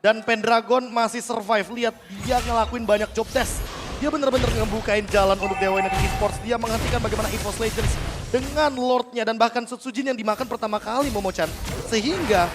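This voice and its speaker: A man's voice: very high voice, fairly even intonation, a little fast, over music. A man giving live analysis commentary on an esports match.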